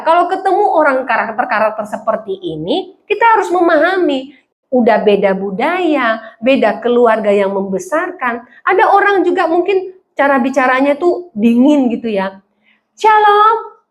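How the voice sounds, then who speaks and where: A woman pastor preaching a sermon in a church, telling funny stories and acting out the voices of people she quotes. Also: high voice.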